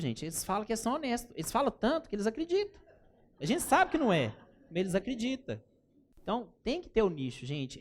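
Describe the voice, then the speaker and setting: A man with a Brazilian accent teaching a live workshop, chatty and animated, often turning to the audience with anecdotes. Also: sits high. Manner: animated, chatty, keeps calling the audience "gente" and telling anecdotes. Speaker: workshop instructor.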